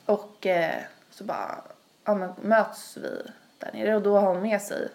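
A woman's voice: mid-range voice, sing-song, creaky, darkish tone. A young woman, rambling through a long story in casual podcast chat, full of fillers. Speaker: podcast host.

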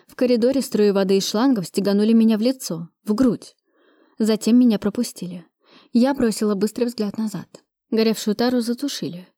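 A woman reading a first-person action story aloud, steady and brisk, close to the mic. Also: medium pitch, no room sound. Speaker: audiobook reader. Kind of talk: first-person audiobook narration.

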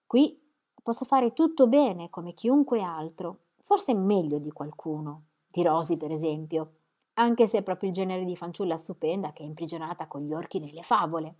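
A woman voicing a spirited, sharp-witted young woman in an audiobook, her lines brisk and pointed and pitched above her narration. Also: close to an everyday voice. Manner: brisk and pointed, higher and louder than the narration. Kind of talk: audiobook reading.

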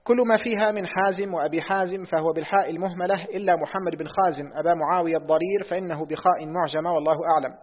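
In class, a male student reads a hadith text aloud quickly in a high voice with fairly even intonation, repeating lines when asked. The audio sounds tinny and phone-like, captured in a reverberant hall.

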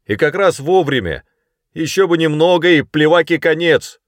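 A man reading an audiobook, voicing an excited young man calling out loudly from a boat. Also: fairly high pitch, moderate pace, no echo, studio quality, voice pushed up, natural voice. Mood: shouting. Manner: loud, breathless calling out.

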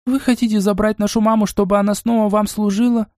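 A tiny girl shrieks in a very high, excitable voice, as a man puts her on for an audiobook. Her lines burst out loud and breathless. The sound is close and dry. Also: fast, dry recording, natural voice. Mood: fearful. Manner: shrill, shouting, anxious. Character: excitable little girl of about seven. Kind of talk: audiobook character voice.

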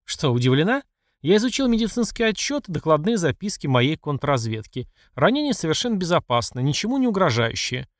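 A man's voice: fairly high pitch, sing-song, brisk, no room sound, clean studio sound, pitched above the performer's own voice. A man voicing a furious middle-aged emperor who scolds and accuses his mother. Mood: angry. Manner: angry and accusing.

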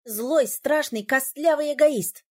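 A woman reading an audiobook, voicing a feisty, quick-tempered young woman with a sharp, indignant manner. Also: natural voice. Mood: angry. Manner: sharp, indignant, higher and louder.

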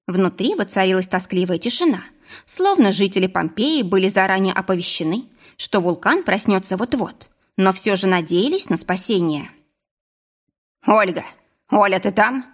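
A woman narrating a novel aloud, expressive and husky. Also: mid-range voice, normal speed. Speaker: audiobook narrator. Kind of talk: scripted narration.

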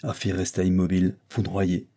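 A man's voice: deep voice, flat delivery, moderate pace, dark tone. A man reading a classic novel aloud as an audiobook narrator, lifting his voice to act out the courtroom exchanges. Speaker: audiobook reader.

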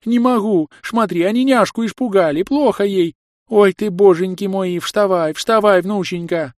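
A man voicing a fussy, fretful old village grandmother who wails in a shrill, folksy way. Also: big pitch swings, unhurried, no echo, clean studio sound. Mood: panicked.

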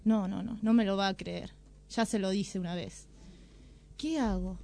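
A woman's voice: fairly even intonation, a little slow, gravelly, a little hiss or hum. A woman voicing a sly, crafty male fox in a storybook tale, speaking in a wheedling way in a radio studio. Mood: scheming. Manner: wheedling, crafty, turns to high panicked shouts. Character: sly cunning male fox, scheming trickster.

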